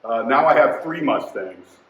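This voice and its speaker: A man's voice: mid-range voice, unhurried. Older man telling car stories. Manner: animated anecdote teller, acts out quoted voices. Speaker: car collector guest. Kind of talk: casual storytelling interview. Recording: roomy, dull sound with faint ambience.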